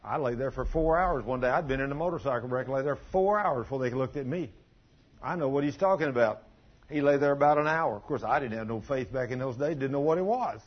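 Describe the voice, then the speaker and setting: An older man preaching a sermon in a church, telling folksy stories and surging loud for emphasis, in a husky voice. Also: mid-range voice, fast talker. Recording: dull lo-fi recording.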